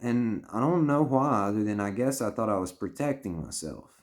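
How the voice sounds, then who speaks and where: With a lowish voice that's animated and at normal speed, a vlogger in his thirties looks straight into the lens and shares life advice. He's earnest and meandering in this personal monologue, frequently cursing and restarting his sentences.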